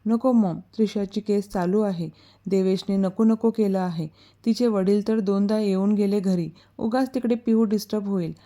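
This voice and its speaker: A woman's voice: medium pitch, fairly even intonation, normal speed, dark tone, natural voice. A woman voicing a protective young man who gives firm, caring orders, in a storybook reading.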